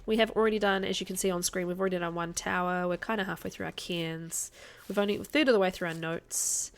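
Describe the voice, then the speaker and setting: A woman's voice: fairly low pitch, fairly even intonation, quick pace. A woman with a mild New Zealand accent, chatting casually and jokily as she streams a game live. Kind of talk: casual livestream chat over gameplay.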